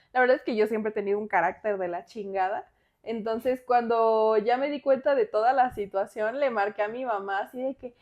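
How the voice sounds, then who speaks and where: A young woman with a Mexican accent telling a personal story on a podcast in a chatty, animated way, full of fillers. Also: a little high. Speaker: podcast co-host. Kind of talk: casual storytelling.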